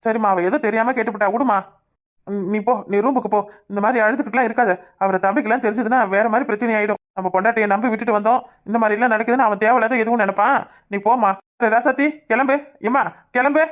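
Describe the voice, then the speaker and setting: A woman voicing a man of the house who calms everyone down, repeating himself, in a southern Tamil Nadu accent. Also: on the high side, natural voice. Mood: calming. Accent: southern Tamil Nadu dialect. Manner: rapid, calming, repeats words. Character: man of the house, uncle figure, peacemaking.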